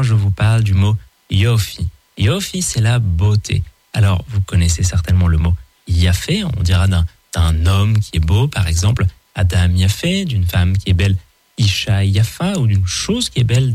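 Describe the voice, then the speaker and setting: A man's voice: on the low side, a little mellow, husky, no echo. A man giving a daily Hebrew word column on the radio, explaining casually with many hesitations and restarts. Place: radio studio.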